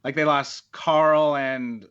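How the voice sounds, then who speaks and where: A man's voice: a little high, steady tone, slow, fairly bright tone, clear, resonant tone. A man co-hosting a podcast in casual chat, explaining things with many "like" and "uh" fillers. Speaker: podcast co-host. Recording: dull, lo-fi mic sound.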